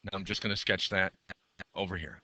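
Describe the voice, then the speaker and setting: A man's voice: deep voice, fairly even intonation, fairly quick, sharp tone, no echo. A male math teacher who is losing his voice, talking through graph sketches step by step and counting aloud. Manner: talks through each step while drawing, counts aloud.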